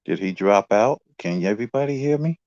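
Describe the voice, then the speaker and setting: A man's voice: on the low side, animated, brisk, a little mellow, dry recording, dull audio. A man in an online group call, asking pointed questions and pressing for yes or no answers.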